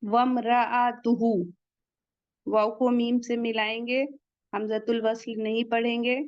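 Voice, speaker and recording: A woman teaching the rules of Quran recitation, slowly sounding out each word and then explaining how to pronounce it. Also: a little high, level tone, dry recording, dull audio. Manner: slow, deliberate, drawn-out recitation of each word.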